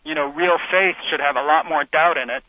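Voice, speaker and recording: A middle-aged author from Switzerland, speaking as a guest in a radio interview, thoughtful and rambling, with frequent restarts. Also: male voice, a little high, a little fast, pushed and bright. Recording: dull lo-fi radio sound.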